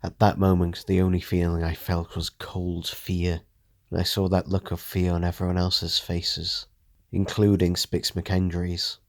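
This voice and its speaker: Deep, gravelly male story narrator. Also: monotone, measured pace, dry recording, studio quality. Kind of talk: first-person audio drama narration.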